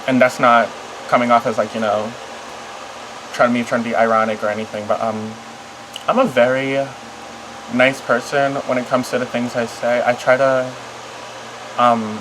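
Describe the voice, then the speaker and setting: A vlogger talking casually and confessionally to camera in a halting, rambling, apologetic way that often trails off. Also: medium pitch, background noise. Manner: apologetic, self-conscious.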